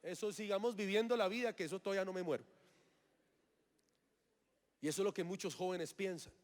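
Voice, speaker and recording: A man's voice: high-pitched, a little fast. A man, giving a sermon testimony and acting out his own past reactions as he tells the story. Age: 30s. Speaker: preacher.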